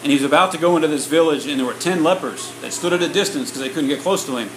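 A man's voice: fairly high pitch, moderate pace, soft background music. A man preaching a sermon in short sections, retelling it in a plain, conversational way. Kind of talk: sermon storytelling, paused for interpretation. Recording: roomy, echoey room with a faint air-conditioner hum.

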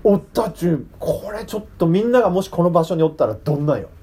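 A pastor with a Kitakyushu accent gives a children's sermon in a high, mellow voice. His pitch swings widely as he plays with the story. He keeps pulling the listeners in with questions. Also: animated, fast talker, a little hiss or hum. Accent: Kitakyushu Japanese. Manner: playful, asks the listeners questions.

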